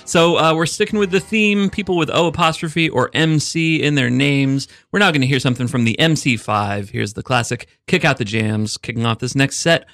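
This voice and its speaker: A man's voice: medium pitch, moderate pace, hardly any pauses, dry recording, studio quality. Chatty male radio DJ. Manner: relaxed, chatty, laughs easily. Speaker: radio DJ and show host. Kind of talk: casual on-air chat. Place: radio studio.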